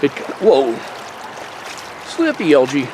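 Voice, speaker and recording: A man casually narrating a nature hike outdoors by a creek, in a relaxed, rambling way with fillers and mild swearing, recorded on a handheld camera. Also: mid-range voice, slow pace. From Pennsylvania. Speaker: nature vlogger. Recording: faint outdoor noise on a camera mic.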